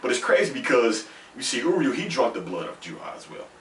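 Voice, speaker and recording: A man's voice: medium pitch, very animated, brisk, a bit bright. A man with a lisp and slushy s sounds gives a casual, rambling review, repeating himself for emphasis. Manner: conversational, rambling, emphatic repetition. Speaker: host of a manga chapter review. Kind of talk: casual off-the-cuff review commentary. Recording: roomy, distant mic, faint noise.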